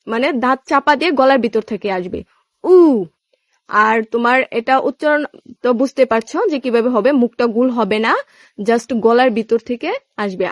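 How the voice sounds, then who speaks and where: A woman's voice: fairly high pitch, dry recording. Patient Bangladeshi woman tutor, dry close sound. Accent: Bangladeshi Bengali. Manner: patient, repeats questions and answers them herself. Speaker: Korean language tutor. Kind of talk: casual spoken lesson.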